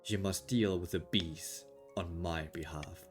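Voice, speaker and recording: A man voicing a stern, aloof male storm wizard who makes measured, solemn pronouncements. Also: low voice, steady tone, faint music behind, voice pushed down.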